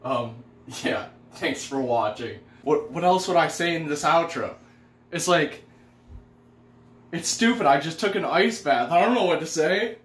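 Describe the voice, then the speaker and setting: A man's voice: on the high side, moderate pace, long pauses, a bit bright. A man in his twenties chatting casually and jokingly as a vlogger to a phone camera. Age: 20s. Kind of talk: casual, joking vlog chat. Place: small bathroom, indoors. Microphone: phone held by another person nearby. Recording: echoey bathroom, faint noise.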